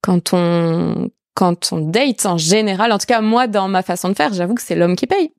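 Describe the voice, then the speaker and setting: A woman's voice: mid-range voice, normal speed, no room sound. Woman, young adult, podcast host, direct and confident, dry close sound. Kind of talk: casual conversation.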